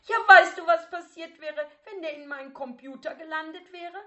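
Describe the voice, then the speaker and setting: A woman voicing an indignant teenage girl who turns shrill and sulky. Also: normal speed, a bit bright.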